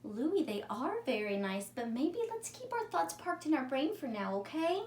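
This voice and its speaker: Reading a story to young children, this woman teacher speaks in a high, very animated voice at a moderate pace. She keeps her wording simple and puts questions to her listeners, recorded on a distant mic in an echoey room with faint noise.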